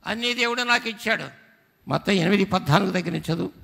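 A man's voice: sits high, fast, gravelly, pushed and bright, breathy edge. A man preaching a sermon as pastor, calling on the congregation to answer back. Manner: preaching with call-and-response to the congregation. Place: church sanctuary. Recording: church hall with long reverb.

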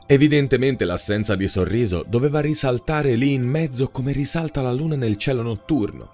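A man narrating a short story in a scripted, expressive storytelling manner. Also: medium pitch. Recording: soft background music.

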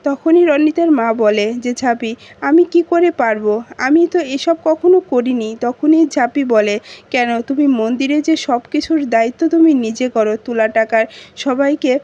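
A woman's voice: sits high, moderate pace, mellow. A woman retelling a TV drama in casual narration, speaking every character's lines in her own voice. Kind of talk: casual narration with quoted dialogue. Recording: dull lo-fi recording.

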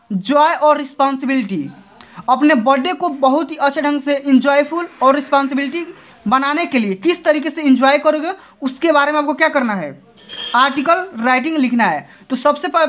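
A man's voice: very high-pitched, a bit bright. A man teaching an exam-prep lesson at his desk, coaxing students along and often checking they follow. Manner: coaxing, keeps repeating check-in tags. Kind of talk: tutorial explaining to students. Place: desk seen from above, indoors. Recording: dull lo-fi phone recording.

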